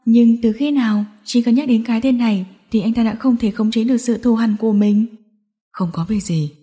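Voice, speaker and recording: A woman narrating a romance novel audiobook in a steady storytelling manner. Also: fairly high pitch, brisk.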